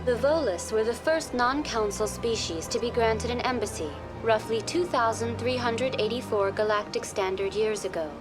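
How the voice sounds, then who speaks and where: Avina, high-voiced virtual tour guide played by a woman. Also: music in the background, natural voice. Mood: polite, composed. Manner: formal, polite, measured, impersonal. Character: courteous female virtual intelligence tour guide on a space station. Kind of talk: scripted informational game dialogue.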